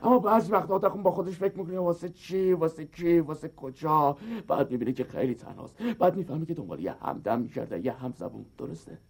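A sly, melodramatic young courier in a comedy sketch, his voice pitched high for a man. He wheedles and flatters, then erupts into theatrical shouts. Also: hardly any pauses. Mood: wooing. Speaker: motorcyclist.

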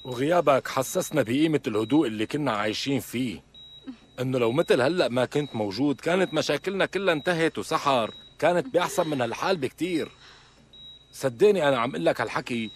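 A man's voice: mid-range voice, animated, quick pace, a little hiss or hum, natural voice. An actor playing a nervous, earnest man with a Levantine accent who talks a friend round. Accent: Levantine Arabic. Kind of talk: dubbed drama dialogue.

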